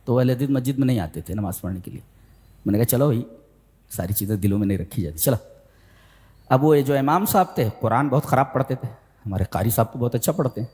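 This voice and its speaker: A man preaching a sermon in an animated way, repeating phrases for emphasis. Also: mid-range voice, in a large hall.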